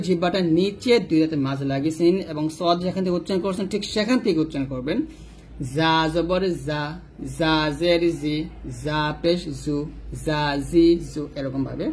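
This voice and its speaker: A man with a light, high voice teaches letter pronunciation. He drills each syllable slowly and repeats every point with patience. A faint hiss sits under the recording. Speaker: Quran recitation teacher. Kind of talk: slow instructional explanation with drilled letter sounds.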